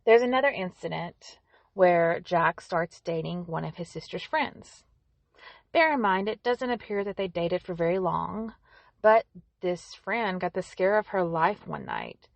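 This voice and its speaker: A woman's voice: fairly low pitch, big pitch swings, measured pace, gravelly, no room sound. A woman hosting a true-crime podcast, narrating a scripted story with conversational asides to the listener.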